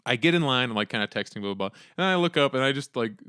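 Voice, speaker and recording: A man's voice: rapid-fire, smooth, no room sound, clean studio sound. A man hosting a podcast, telling a story in casual chat and acting out the people in it with a raised voice. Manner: animated, acts out quotes in a raised pitch. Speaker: podcast host.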